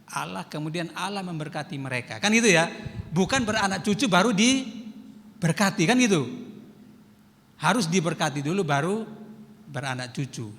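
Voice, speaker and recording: Pastor man telling his story in a sermon, goes loud then soft, kinda high voice, big hall echo. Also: moderate pace, pauses often. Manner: animated storytelling, swinging between loud and soft. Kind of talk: testimony sermon. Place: church hall. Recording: church hall with long reverb.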